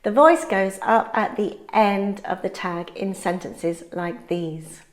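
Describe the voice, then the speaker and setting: A woman teaching an English grammar lesson in a slow, clear, deliberate way. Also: mid-range voice.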